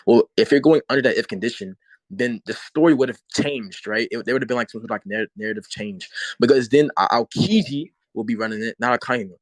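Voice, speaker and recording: Fast-talking argumentative man, dry sound. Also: mid-range voice, no room sound, low-quality recording. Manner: argumentative, repeats himself, swears. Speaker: debater. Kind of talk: heated casual debate.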